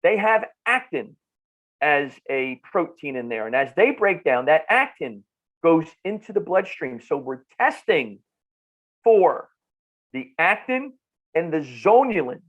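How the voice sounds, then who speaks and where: With a fairly bright, slightly high voice full of big pitch swings, a middle-aged man speaks unhurriedly in a northern New Jersey accent. A nutrition clinician on a podcast, he explains conversationally and emphatically, repeating phrases and asking rhetorical questions, in a somewhat dull, lo-fi recording.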